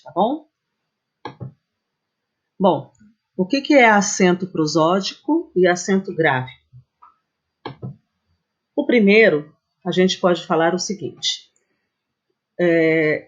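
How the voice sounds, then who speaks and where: Woman teacher going thru grammar slides, super slow and patient, kinda muffled recording. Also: mid-range voice. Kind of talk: slide-based grammar lesson.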